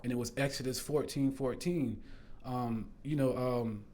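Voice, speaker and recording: A man tells his personal testimony in loose, casual talk at an ordinary mid pitch. He rambles and circles back, packing his sentences with fillers and restarts. He keeps swearing earnestly that every word is true. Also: a little slow, a little mellow, a little hiss or hum. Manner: rambling, repeats fillers and "bro", restarts often. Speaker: storyteller sharing a faith testimony.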